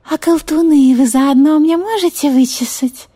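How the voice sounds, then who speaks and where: A woman voicing a capricious, pampered female Persian cat with a squeaky, pleading voice. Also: moderate pace, warm tone, natural voice. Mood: whiny.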